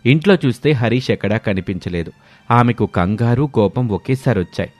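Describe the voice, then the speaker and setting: A man narrating a moral storybook in a steady, expressive way. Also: mid-range voice, normal speed, dry recording, soft background music.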